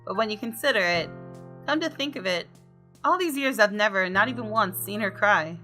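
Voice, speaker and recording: A woman gamer with a mid-range, expressive voice reads a visual novel's story aloud at a fairly quick clip, adding her own casual commentary. Soft game music plays faintly in the background.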